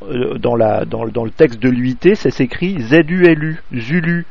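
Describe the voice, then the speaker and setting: A man's voice: mid-range voice, lively intonation, vocal fry, darkish tone, slightly rough, no room sound. Guy doing a ham radio lesson, lots of euh and restarts, dead dry room, kinda lo-fi mic. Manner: halting, many fillers and restarts. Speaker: amateur radio instructor. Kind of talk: hesitant spoken lesson. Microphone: desk microphone, close and clipping.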